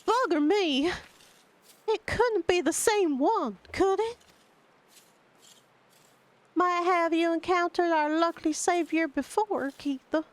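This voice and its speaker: A woman reading game dialogue aloud, voicing a hearty, rough-spoken forest worker with an earthy dialect and rough exclamations. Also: extremely high pitch, slow, long pauses. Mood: startled. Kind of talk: reading video game dialogue in character voices.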